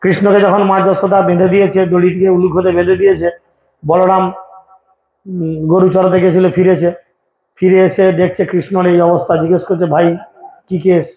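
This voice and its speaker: Man preaching at a gathering, acts out the voices in his stories, breaks into slow sung verse, echoey hall. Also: sits high, little pitch movement, mellow, a little hiss or hum. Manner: slows into sung recitation of verses. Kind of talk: devotional sermon with storytelling and chanted verse.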